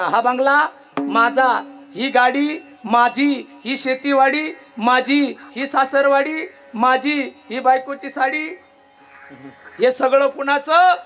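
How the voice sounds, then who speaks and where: A man's voice: extremely high pitch, fairly bright tone. A man preaching a devotional kirtan sermon, telling humorous stories, mimicking villagers' voices and questioning his listeners.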